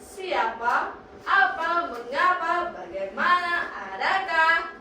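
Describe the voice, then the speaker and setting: A young woman with a high voice plays a playful, cheeky pupil reciting lesson points. She is picked up from a distance in a very echoey classroom, with noise in the background. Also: animated, takes it slowly, sharp tone. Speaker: student in a role-played class. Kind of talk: micro-teaching role-play.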